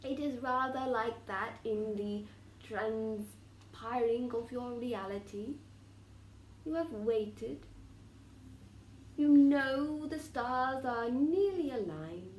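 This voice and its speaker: A woman speaking as a trance channelling medium, delivering spiritual messages in a solemn, oracular way with formal phrasing and deliberate pauses. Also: fairly high pitch, a little mellow. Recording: roomy echo with faint background noise.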